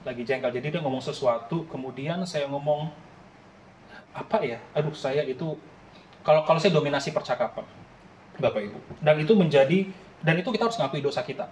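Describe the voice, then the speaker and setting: A man's voice: fairly high pitch, fairly quick, pauses often, a little mellow, echoey room, slight background noise, rough recording. A man in his late thirties preaching a sermon in an earnest, conversational way, often addressing the congregation directly. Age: late 30s. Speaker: pastor.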